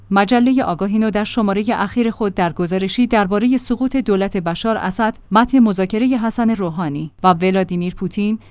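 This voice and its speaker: A woman reads a news magazine report aloud. Her delivery is steady and measured, at a middle pitch. The sound is dry and close, with no room echo. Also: clear, resonant tone. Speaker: news reader.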